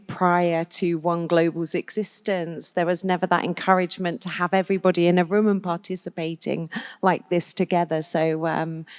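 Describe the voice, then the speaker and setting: A woman with a low, flat-toned voice makes earnest remarks from a conference panel. Her voice is smooth and clear.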